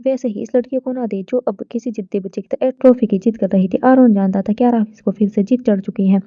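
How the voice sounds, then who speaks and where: A woman narrating a romance story in a soft, steady reading voice, on a dull, dry recording. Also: mid-range voice, fast, dry recording.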